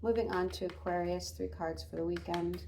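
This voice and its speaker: A woman with a slightly low voice reads tarot cards for her viewers in an easy, chatty way. She talks off the cuff, with frequent fillers and restarts, and a faint hiss sits behind her. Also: fairly even intonation, moderate pace, vocal fry, darkish tone. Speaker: tarot reader. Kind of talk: casual spoken tarot reading.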